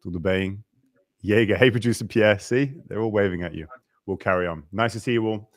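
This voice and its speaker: Deep-voiced energetic webinar host. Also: male voice, a little fast, no room sound, clean studio sound. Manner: energetic, chatty, greets viewers by name. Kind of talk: live webinar presenting. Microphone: video call.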